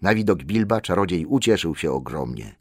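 A man narrating a storybook in an expressive storytelling delivery. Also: deep voice, normal speed, husky, dry recording, clean studio sound. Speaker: audiobook narrator. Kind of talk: scripted narration.

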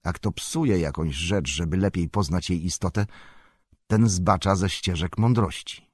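A man reading an audiobook who voices a grave, weary old male wizard, speaking in a low, measured way. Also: a little mellow, husky, no room sound, studio quality.

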